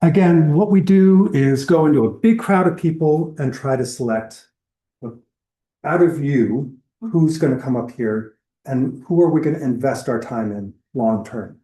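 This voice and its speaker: A man lectures the public on whale entanglement response in a lecture hall, explaining things conversationally and listing examples as he goes. His mid-range voice is mellow and sounds roomy.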